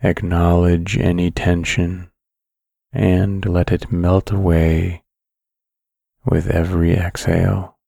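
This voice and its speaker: A man narrating a guided sleep story in a calm, soothing, measured way, with long pauses between phrases. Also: low-pitched, gravelly, dry recording, clean studio sound.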